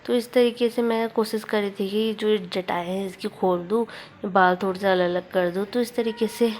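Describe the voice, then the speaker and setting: A young mother talking through a home vlog in a relaxed, chatty way, walking step by step through her daily baby-care tasks. Her voice sits at an ordinary middle pitch with a faint hiss behind it. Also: moderate pace. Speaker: vlogger and new mother. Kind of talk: casual home vlog narration.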